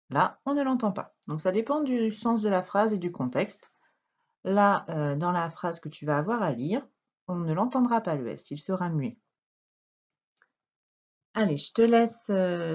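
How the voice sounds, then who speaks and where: A woman teaching French children to read, dictating words slowly syllable by syllable with lively emphasis. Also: fairly low pitch, husky. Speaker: primary school teacher. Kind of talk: reading lesson for young children. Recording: dull lo-fi recording.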